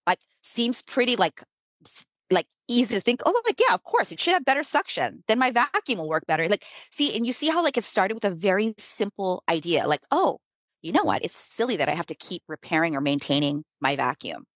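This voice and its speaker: A woman's voice: a little fast, no room sound. A middle-aged American woman, a business author, talking casually in an interview with lots of "like" and sudden emphatic rises. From United States. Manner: animated, filler-heavy, emphatic pitch jumps.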